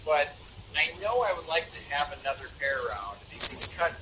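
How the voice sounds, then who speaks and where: A man's voice: fairly high pitch, sing-song, normal speed, pushed and bright. A man chatting casually and informally, often letting his thoughts trail off unfinished. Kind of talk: casual chat about tools. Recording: noisy background.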